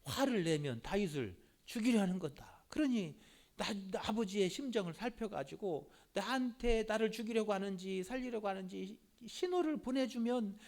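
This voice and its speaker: A middle-aged male pastor delivers a sermon in a chatty, conversational way, often putting questions to the congregation. His voice is high for a man and very animated in its pitch.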